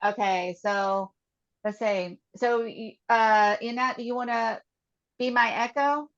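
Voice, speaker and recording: A woman's voice: a little high, fairly even intonation, slow, highs cut off. A woman leading a guided tapping session on a video call, speaking earnestly and emotionally in short repeated statements.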